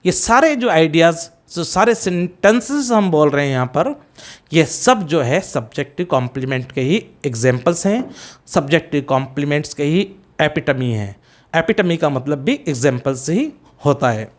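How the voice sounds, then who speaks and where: In a classroom, a middle-aged man with an Indian accent teaches a grammar lesson, drilling example sentences slowly and deliberately while switching between Hindi and English. His voice is fairly high-pitched and expressive.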